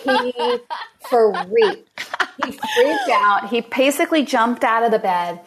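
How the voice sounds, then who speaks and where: A woman guest expert on a podcast, telling stories in casual chat with lively laughter. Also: fairly high pitch, slow pace, noisy background. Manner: lively storyteller, laughs along.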